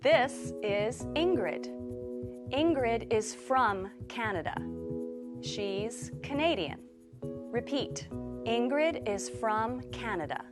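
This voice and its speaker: Slow, clear woman teaching English. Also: a little high, expressive, over music. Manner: clear, drilled teacher delivery. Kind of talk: slow scripted English lesson.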